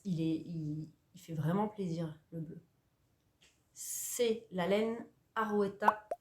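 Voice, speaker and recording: A chatty young woman talks through her knitting projects at home, her voice a touch low. She hesitates often and teases herself along the way. The room around her rings with echo. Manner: chatty, animated, self-mocking with filler hesitations. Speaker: knitting and sewing podcaster. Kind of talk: casual chatty craft vlog. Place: at home, indoors.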